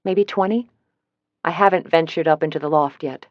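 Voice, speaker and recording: A woman's voice: deep voice, normal speed, no echo, dull audio, lightly acted. A woman reading the lines of a hungry, impatient grown man in an audiobook, dry and teasing.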